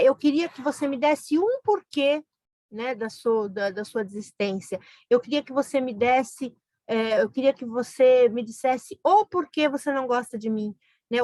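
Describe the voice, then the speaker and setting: Recorded dry, her voice sits a little high. She walks the listener through grammar with patience, frequently checking understanding with a "né?".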